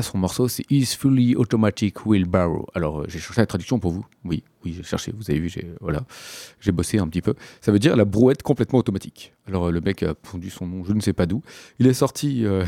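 A man's voice: deep voice, dark tone, dry recording. A man hosting a casual radio music show, hesitant and full of filler sounds, speaking into a studio microphone. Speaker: radio host.

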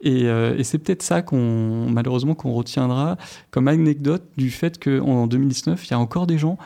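Gravelly-voiced man, hesitant radio guest. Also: medium pitch, normal speed, dark tone. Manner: hesitant, many fillers and restarts. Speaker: guest researcher. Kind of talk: radio interview answers. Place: radio studio.

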